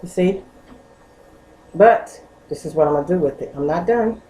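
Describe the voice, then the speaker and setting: A woman's voice: sits low, lively intonation, moderate pace, mellow. A woman hosting a home cooking vlog, chatting straight to her viewers and humming as she tastes her food. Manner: chatty, talks straight to viewers, hums while tasting. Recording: echoey room with faint ambience.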